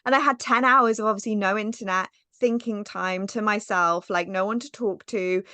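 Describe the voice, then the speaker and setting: A woman's voice: medium pitch, normal speed, pushed and bright, smooth, no echo. A woman in her thirties talks as a podcast guest, telling a personal story in a chatty, rambling way. Her speech is full of "like" and "um." The recording is close and dry, with little room sound. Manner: chatty, lots of "like" and "um". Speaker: podcast guest, business mentor. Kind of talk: casual storytelling interview.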